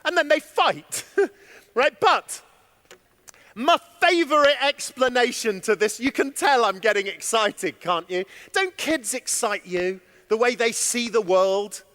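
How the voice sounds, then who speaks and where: A man giving an animated conference keynote from a stage, chatting with and questioning his audience. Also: very high voice, unhurried. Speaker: keynote speaker. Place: stage in a large hall. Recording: long hall reverb.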